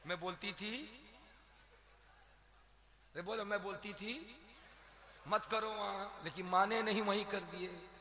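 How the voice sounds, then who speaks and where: A man's voice: sits high, slow, pauses often, bright, forceful tone, a little hiss or hum, exaggerated voice. A male preacher voicing a gossipy, self-righteous old village mother-in-law, heard in an echoey hall with long reverb. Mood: grumbling. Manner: complaining, self-righteous, chatty.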